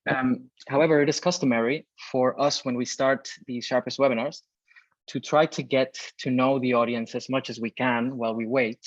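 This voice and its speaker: A Venezuelan man in his thirties hosts a live webinar over a video call from a home or office room in Berlin, chatting loosely and filling gaps as he reads out chat messages. His voice is mid-range and steady at a moderate pace, with no echo, and the call audio is dull and dry.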